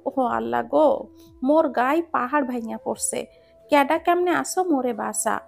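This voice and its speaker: A woman's voice: sits high, moderate pace, gravelly, exaggerated voice. A woman reading a storybook romance aloud, voicing a stubborn young bride who talks back sharply. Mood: wailing. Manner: sharp, defiant, whiny.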